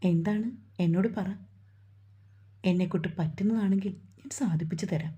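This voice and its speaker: A woman's voice: lowish voice, normal speed, warm tone, slightly rough, dull audio. A woman voicing a tender, protective young lover. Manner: tender, coaxing.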